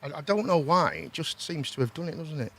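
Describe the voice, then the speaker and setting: A British man with a slightly high voice hosts a casual livestream. He talks informally, circles back over his own phrases and often tacks a question onto the end. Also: animated, fairly quick, vocal fry, fairly bright tone. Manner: informal, repeats himself, ends on tag questions. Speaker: host.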